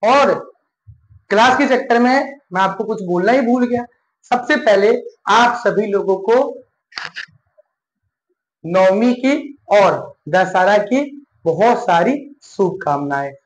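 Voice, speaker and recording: A man teaching an English grammar live class, slowly repeating each point and asking questions he answers himself. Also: sits high. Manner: slow and repetitive, asks and answers his own questions. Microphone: live class recording. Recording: echoey room with faint noise.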